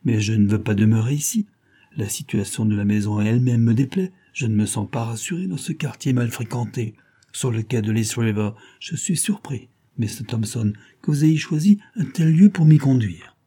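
A man voicing a disguised detective playing a grumpy, haughty gentleman who grumbles curtly. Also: medium pitch, animated, normal speed. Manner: gruff, grumbling, curt.

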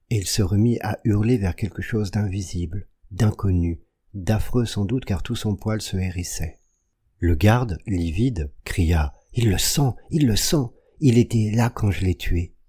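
A man reading a classic short story aloud as an audiobook in a measured, deliberate manner. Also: low voice, dark tone, slightly rough. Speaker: audiobook reader. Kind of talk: literary audiobook narration.

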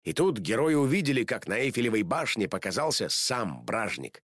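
A man reading a children's storybook aloud in an animated, expressive way. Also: fairly low pitch, moderate pace, no room sound, studio quality. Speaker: narrator.

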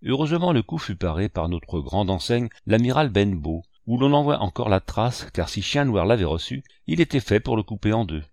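Low-voiced man narrating an audiobook. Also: big pitch swings, a little mellow, no echo, clean studio sound. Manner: measured storytelling. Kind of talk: scripted narration.

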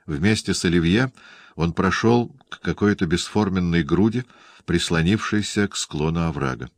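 A man narrating an audiobook in a measured, even reading style, recorded on a close studio mic. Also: low-pitched, no room sound.

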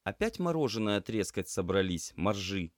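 A man reading an audiobook, voicing a grumpy young female student activist who grumbles in a raised but quiet voice. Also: fairly low pitch, very animated, normal speed, no echo, studio quality, voice pushed up. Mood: grumbling. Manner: grumbling, sulky.

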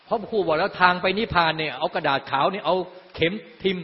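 Man, dharma teacher, high voice, chatty preaching, muffled lo-fi recording. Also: fast. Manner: conversational preaching with repeated tag questions. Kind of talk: dharma talk to retreat participants. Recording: dull lo-fi sound in a long-reverb hall.

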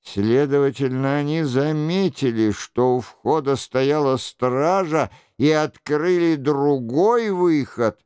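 A man narrating a novel in a measured storytelling manner. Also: on the high side, darkish tone, clean tone, dry recording, clean studio sound. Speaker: audiobook narrator. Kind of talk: scripted narration.

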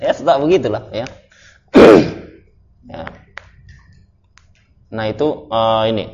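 A man's voice: on the low side, expressive, takes it slowly, darkish tone. A male religious teacher telling chatty stories with laughs during an informal study lesson, in a dull, slightly noisy recording. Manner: chatty storytelling with laughs and asides. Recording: dull lo-fi recording, faint noise.

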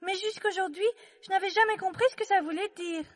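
A woman's voice: very high voice, fairly quick, in a large hall. A woman playing a polite curious girl. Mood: earnest. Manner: polite, earnest.

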